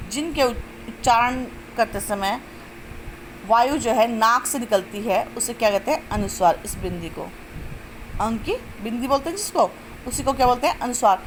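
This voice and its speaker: A woman teaching a grammar lesson step by step, asking questions and answering them herself, and drawing out sounds slowly to show them. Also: fairly high pitch, animated, slight background noise, rough recording. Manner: explains step by step, asks and answers own questions. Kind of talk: classroom-style lesson.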